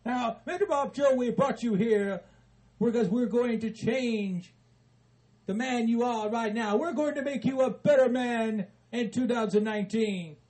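A man playing a jolly, patient old Santa Claus who talks slowly and soothingly between ho-ho-hos. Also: extremely high pitch, darkish tone, low-quality recording. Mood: calming. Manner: slow, soothing, chuckling ho ho ho.

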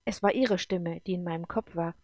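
Woman doing a hurt, confused young woman, quiet and asking, dry sound. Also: lowish voice, moderate pace, no room sound, close to an everyday voice. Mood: unsure. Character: wounded young woman, bandaged, bewildered.

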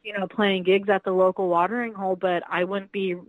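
A woman's voice: mid-range voice, flat delivery, a little fast, no room sound, phone-quality sound. Enthusiastic woman singer, dry sound. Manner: enthusiastic, gushing, many fillers. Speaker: singer, interview guest. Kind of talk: casual interview chat.

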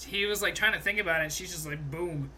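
A young man co-hosting a podcast, casually recounting movie scenes in an animated way, laughing and swearing now and then. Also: a little high, fast, slight background noise. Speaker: podcast co-host. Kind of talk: casual movie review chat.

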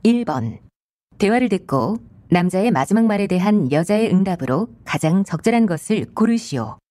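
A woman announces quiz questions with the formal, flat delivery of a listening-test announcer. Her voice is mellow and warm, though her intonation still moves up and down. Each line comes out measured and exact. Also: mid-range voice. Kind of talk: mock exam listening-test narration.

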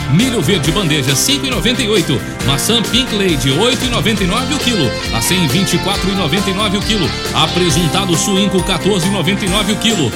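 A Brazilian male announcer with a very high pitch pushes prices in a hard-sell ad read. Loud music plays right behind him. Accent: Brazilian Portuguese. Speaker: advertising announcer.

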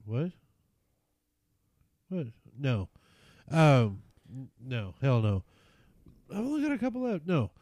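A man's voice: medium pitch, very animated, takes it slowly, long pauses, a little mellow, dry recording. A man co-hosting a casual chat, rambling through a story with lots of filler words. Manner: rambling, many "like" fillers, laughs along. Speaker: podcast co-host.

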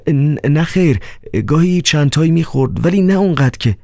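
A man voicing a timid, anxious male poet who stammers in a raised, hushed voice. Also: a little high, no echo, studio quality, voice pushed up, lightly acted.

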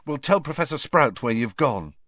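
A man's voice: medium pitch, animated, moderate pace, a bit bright, no echo, clean studio sound, voice pushed up. A man voicing an earnest teenage wizard boy in a storybook reading. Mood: urgent.

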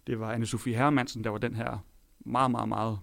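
A man's voice: mid-range voice, fairly even intonation, gravelly, no echo. A man chatting casually on a podcast, blunt and opinionated.

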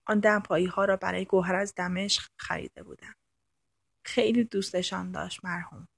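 A woman narrates a novel in the first person with steady, earnest delivery. Her voice is slightly husky and mid-pitched. The recording is close and dry. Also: no room sound.

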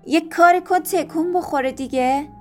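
A woman's voice: very high-pitched, soft background music, pitched above the performer's own voice. A woman voicing a spoiled young boy who talks in a demanding, sulky and rude way. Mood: bossy.

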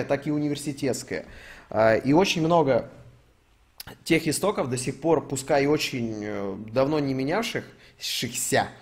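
A young man streaming, reading out donations and ranting in a casual, profane, rambling way. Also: mid-range voice. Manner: swears a lot, rambling with fillers.

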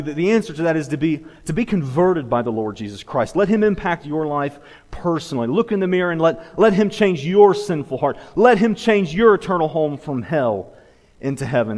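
A man's voice: a little high, a little mellow. A man from preaching a sermon to his church, earnest and pleading, often restarting his phrases. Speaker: pastor. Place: church sanctuary. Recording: long hall reverb.

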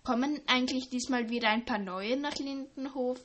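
A woman's voice: high voice, normal speed, a bit bright. A woman reading the part of a friendly teenage schoolgirl, curious and amused.

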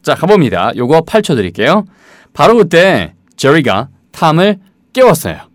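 A man teaching English in a lively way, explaining in Korean and acting out story lines in a high voice. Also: moderate pace, no echo, studio quality. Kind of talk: bilingual English lesson.

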